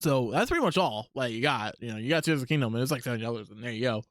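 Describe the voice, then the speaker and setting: A man in casual live-stream chat, musing aloud with plenty of ums and likes. His voice sits at an ordinary middle pitch. The sound is close and dry, with no room echo. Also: animated, racing, a bit bright. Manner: rambling, thinking aloud with many ums and likes.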